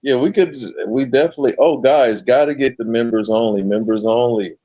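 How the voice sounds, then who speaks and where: A man hosts a late-night chat in loose, slangy talk and drags out his words when he hypes the show. His voice sits at a middling pitch. The sound is dry and a little dull. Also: fairly even intonation, mellow, no echo. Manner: laid-back slangy, drawn-out hype. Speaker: host.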